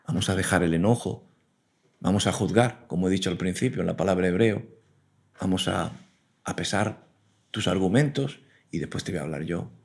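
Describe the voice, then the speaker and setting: God figure, quiet fatherly rebuke, low voice, as a preacher puts him on. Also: moderate pace, vocal fry, long pauses. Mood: calm. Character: God, calm fatherly male voice inviting rest.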